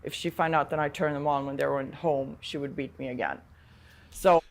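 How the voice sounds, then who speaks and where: A woman in her thirties, born in Poland with Polish as her first language, speaks hesitantly about her life in an interview, often pausing with fillers. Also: low-pitched, steady tone. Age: 30s. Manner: hesitant, many pauses and fillers.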